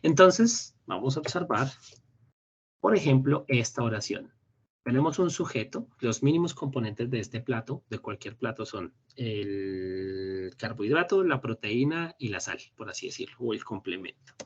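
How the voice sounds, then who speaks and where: A husky-voiced man leads an online English class, switching between Spanish explanations and slow, careful English examples. His voice sits at an ordinary pitch. The sound is dull and lo-fi, like a recorded video meeting. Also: expressive. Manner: explains in Spanish, models English phrases slowly. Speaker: English instructor. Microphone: computer mic on a video call.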